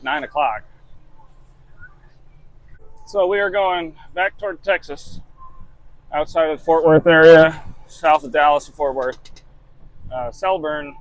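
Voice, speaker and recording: Laid-back swearing trucker man. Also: a little high. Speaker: truck driver. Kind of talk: casual vlog narration.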